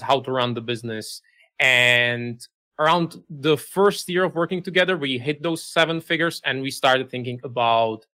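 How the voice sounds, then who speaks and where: Bright-voiced man. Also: medium pitch. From Czech Republic. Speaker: guest, business owner. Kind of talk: interview answers.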